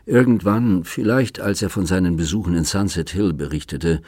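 A man narrating an audiobook in a calm, measured way. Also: deep voice, no room sound, studio quality. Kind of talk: audiobook reading.

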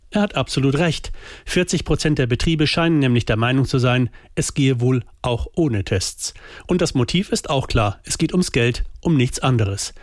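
A man's voice: medium pitch, no echo. Dry-voiced male radio commentator, sarcastic. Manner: pointed, sarcastic.

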